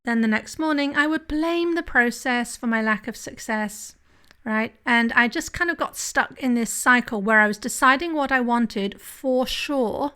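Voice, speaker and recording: A woman's voice: fairly high pitch, unhurried, bright, forceful tone, smooth. A woman hosting a solo podcast, talking candidly and confessionally, with frequent "right?" asides. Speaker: podcast host and drinking coach.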